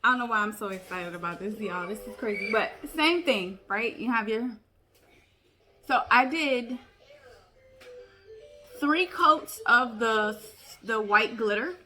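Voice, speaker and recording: Bright-voiced excitable crafting vlogger woman. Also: fairly high pitch, unhurried, pauses often, faint music behind. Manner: chatty, excitable, addresses viewers as y'all. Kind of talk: casual crafting tutorial chat.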